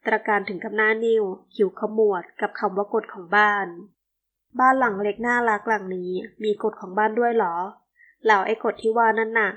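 A woman reads a romance novel aloud with steady, even storytelling. Her voice sits at a middling pitch and keeps a calm, consistent pace through the narration. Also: brisk. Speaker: audiobook narrator.

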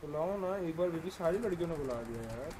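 A man's voice: fairly high pitch, lively intonation, fast talker, noisy background. Swearing man in joking gaming banter. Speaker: game streamer.

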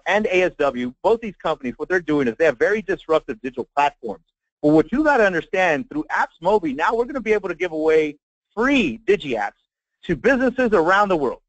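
An American man leading a live online sales training as a marketing trainer, with an emphatic, folksy pitch addressed straight to his listeners. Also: fairly bright tone, no room sound. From Texas, United States. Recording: dull lo-fi web conference audio.

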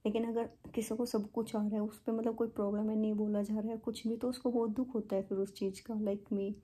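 Chatty young woman vlogging, flat and husky. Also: medium pitch, a little fast. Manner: chatty, many fillers, mixes in English words. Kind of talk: casual storytelling vlog.

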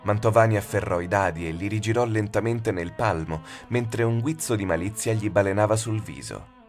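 A man narrating a horror story as an audiobook, in a measured, suspenseful way. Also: on the low side, soft background music. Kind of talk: scripted dramatic narration.

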